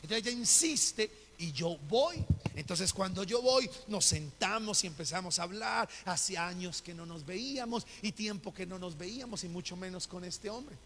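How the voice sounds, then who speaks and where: A man's voice: sits high, expressive, moderate pace, fairly bright tone, long reverb tail, slight background noise. A male pastor preaching a sermon, telling a personal story and acting out the voices of the people in it. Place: church hall.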